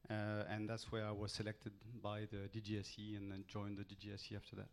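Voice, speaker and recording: A middle-aged man with a French accent and French as his first language, answering an interviewer haltingly with many pauses and restarts. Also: fairly low pitch, completely flat delivery, vocal fry. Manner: hesitant, many ums and restarts. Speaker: author guest. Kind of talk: live on-stage interview.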